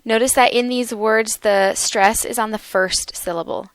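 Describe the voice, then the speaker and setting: A woman teaching English vocabulary, speaking slowly and carefully and repeating words for learners. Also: on the high side, fairly even intonation, smooth, no echo. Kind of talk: slow, clear vocabulary lesson.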